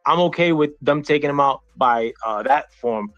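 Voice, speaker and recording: A man from the United States making a point on a political call-in panel, halting and restarting with lots of fillers. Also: on the high side, a bit bright, no room sound, highs cut off, soft background music. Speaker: panel caller. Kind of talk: heated political debate.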